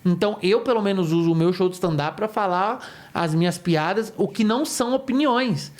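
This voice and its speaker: A man's voice: high voice, a little fast. A male stand-up comedian in casual podcast chat, telling jokey anecdotes full of quoted dialogue. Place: podcast studio.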